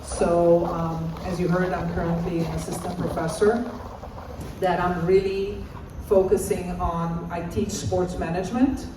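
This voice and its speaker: This assistant professor from Romania has a lowish, level voice and a measured pace as she leads an interactive conference talk, encouraging the crowd to call out responses. She's recorded from a distance in an echoey large hall with a noisy background.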